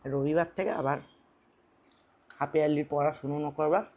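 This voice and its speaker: A woman's voice: low-pitched, normal speed. A woman in her thirties chatting casually on her home eating show, teasing and bickering playfully. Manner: swings between soft reflective and loud animated. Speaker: mukbang vlogger.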